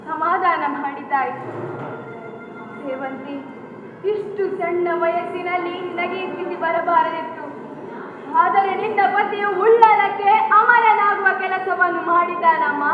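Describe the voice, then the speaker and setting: A woman's voice: very high-pitched, background noise. A woman acting a consoler in a stage drama, pleading with a grieving mother and widow to weep. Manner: pleading, urges them to weep. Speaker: student stage actor. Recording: echoey hall, tinny phone-like sound, music behind.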